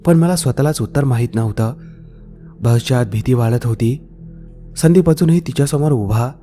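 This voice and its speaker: A man narrating a scripted horror story in a slow, hushed, suspenseful way. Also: mid-range voice. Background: faint eerie background music.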